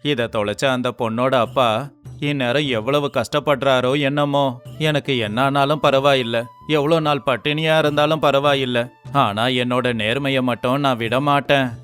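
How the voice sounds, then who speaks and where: A man voicing a poor, weary and honest young laborer in an animated story, with a pleading, earnest way of talking. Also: mid-range voice, moderate pace, clear, resonant tone, soft background music, close to an everyday voice. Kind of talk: storybook voice acting.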